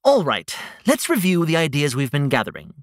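Animated male children's storyteller. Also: fairly high pitch, a little fast, noisy background. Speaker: storyteller and host. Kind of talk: upbeat scripted storytelling for children.

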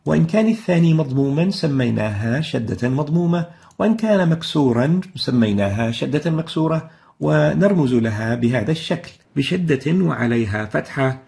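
A man with a low, mellow timbre and a gravelly edge teaches a lesson. He explains patiently and methodically, step by step, stopping to sound out examples. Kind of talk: explanatory lesson on Arabic script and recitation.

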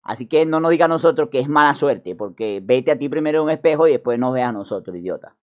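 A man's voice: medium pitch, lively intonation, fast. A man giving sarcastic voice-over commentary, mocking and scolding. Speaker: gaming youtuber.

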